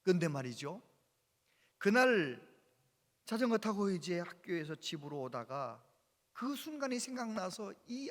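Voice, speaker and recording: A male pastor telling a story in a sermon, animated and full of exclamations, through a church sound system. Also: high-pitched. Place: church sanctuary. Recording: reverberant church hall.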